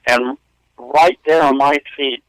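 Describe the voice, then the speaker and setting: A man in his fifties, a guest on a radio interview, tells stories from a hotel room in an earnest, rambling way, chuckling often. His voice is medium-pitched and fairly bright, with fairly even intonation and a slow pace. There's no echo, but the audio quality is poor.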